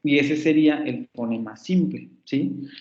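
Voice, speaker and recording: A man's voice: mid-range voice, a little mellow. Mexican man lecturing, echoey and muffled. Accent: Mexican Spanish. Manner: explains step by step, repeats example words slowly. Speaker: phonetics professor. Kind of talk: online class lecture. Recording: echoey, muffled lo-fi class recording.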